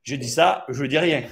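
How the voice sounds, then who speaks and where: A man hosting a real estate podcast, speaking in a casual, opinionated monologue with rhetorical questions and frequent hesitations. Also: mid-range voice. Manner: hesitant, many fillers and restarts, rhetorical questions.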